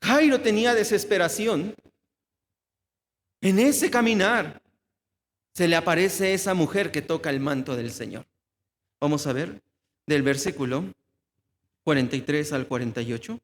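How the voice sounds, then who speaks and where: A man's voice: a little high, animated, measured pace, pauses often. A man with a Mexican Spanish accent preaching a sermon, asking the congregation questions and answering them himself. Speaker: pastor. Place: church hall. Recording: long hall reverb.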